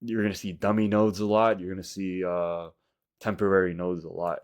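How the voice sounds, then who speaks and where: A young man with a fairly low voice hosts a casual tutorial. He has a slight lisp from wearing a retainer. He talks informally and slangily, thinking aloud in short, broken phrases. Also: flat delivery, a little fast. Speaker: tutorial host.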